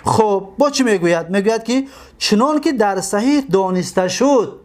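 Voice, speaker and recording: A male teacher with a Tajik accent, speaking in a fairly high voice. He drills word forms one by one in a steady lecture and poses questions to his class before answering them himself. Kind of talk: classroom lecture, explaining grammar.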